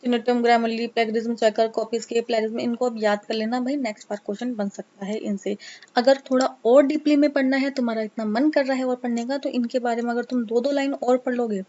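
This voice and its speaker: Casual exam-prep teacher, a woman, teasing and coaxing, higher voice, muffled audio. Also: steady tone, a little fast, mellow. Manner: chatty, coaxing, teasing students; mixes English terms into Hindi. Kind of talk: casual Hindi lecture. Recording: dull lo-fi sound.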